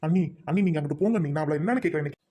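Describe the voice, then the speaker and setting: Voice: mid-range voice, rapid-fire, mellow, breathy edge, close to an everyday voice. A performer acting as a young husband who lectures his new wife for the sake of his elder brother's family in a Tamil audio drama. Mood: pleading.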